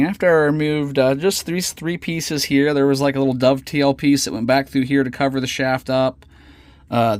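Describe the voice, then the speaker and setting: Thinking aloud while he works at his workbench, this man does an unscripted hobby show-and-tell captured on his smartphone camera. His voice sits fairly high, and the recording has no room sound at all.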